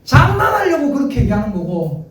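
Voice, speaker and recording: Animated pastor. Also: male voice, very high voice, brisk. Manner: animated, playful, quotes his child and God in acted voices. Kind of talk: sermon. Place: large church sanctuary. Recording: echoey sanctuary, distant mic.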